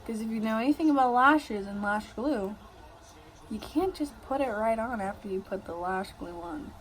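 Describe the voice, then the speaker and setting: A woman's voice: fairly high pitch, normal speed. A young woman giving a casual makeup tutorial, rambling in a loose, slangy, drunk way. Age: young adult. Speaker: makeup vlogger. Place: living room at home, indoors. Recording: noisy home room recording.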